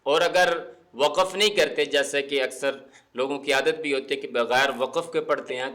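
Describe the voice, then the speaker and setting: Bright-voiced man teaching Quran recitation. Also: mid-range voice. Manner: explains patiently, repeats words slowly to show correct pronunciation. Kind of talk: explanatory lesson with slow recitation.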